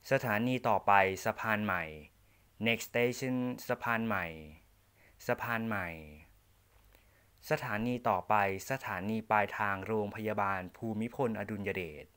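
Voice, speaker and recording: A man reading formal onboard train announcements, in a measured, deliberate delivery. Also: on the low side, fairly even intonation, fairly bright tone. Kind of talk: prerecorded bilingual train announcements.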